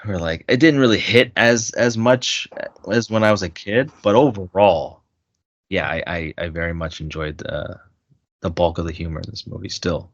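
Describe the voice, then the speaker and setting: A man's voice: low voice, normal speed, no room sound, lo-fi sound. A man co-hosting a podcast, chatting casually and retelling movie scenes, laughing often and restarting his sentences. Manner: animated storyteller, laughs often, many restarts. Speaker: podcast co-host. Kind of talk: casual chat.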